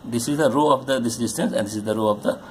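Male chemistry tutor, halting delivery full of fillers, average pitch, light background hiss. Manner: halting, many uh fillers, pointing at a diagram. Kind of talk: explaining a solved problem on a board.

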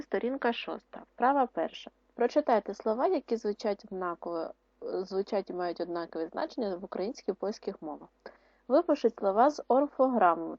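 A woman teacher giving a video lesson to schoolchildren, dictating words slowly and explaining rules in a clear, instructive way. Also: mid-range voice, dry recording. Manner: slow, syllable-by-syllable dictation of words. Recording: dry, muffled lo-fi recording.

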